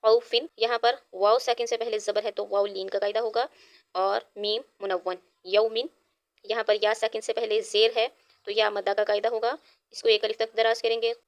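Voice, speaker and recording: A woman's voice: a little high, level tone, moderate pace. A woman Quran teacher with a Pakistani Urdu accent, giving a recitation lesson: she spells out syllables one by one with care, then explains the rules.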